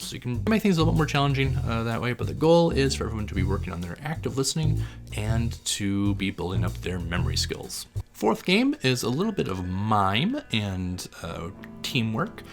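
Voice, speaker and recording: A man's voice: lowish voice, creaky. A man hosting an instructional explainer with wry, self-deprecating humour and frequent hesitant uhs. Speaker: host of a theatre tips channel. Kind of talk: instructional explainer, part scripted.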